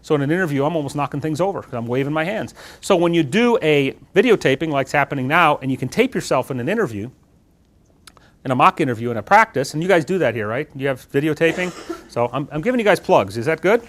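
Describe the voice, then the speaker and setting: A middle-aged man speaks to a room of students about interviewing. He talks fast in a slightly raised voice and stays animated throughout. He keeps the room involved by asking the students questions. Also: a little high. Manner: animated, talks with his hands, asks the audience questions. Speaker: guest speaker on job interviews. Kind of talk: lively classroom talk to students. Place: lecture room with student audience.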